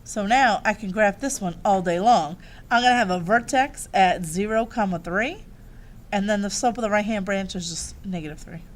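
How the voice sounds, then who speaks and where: A woman's voice: medium pitch, normal speed. A woman teaching a math lesson, upbeat and walking the class through each step.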